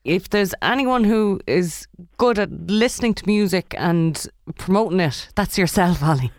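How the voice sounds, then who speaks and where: A woman's voice: lowish voice, a little slow, no echo, clean studio sound. A woman with an Irish accent hosting a casual radio interview. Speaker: radio host.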